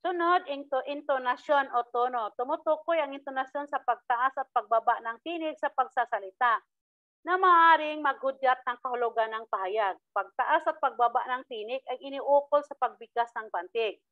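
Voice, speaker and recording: A woman's voice: sits high, normal speed, dry recording. A woman teacher giving a step-by-step lecture, acting out sample lines with rising tones. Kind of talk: classroom lecture. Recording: tinny phone-like dry sound.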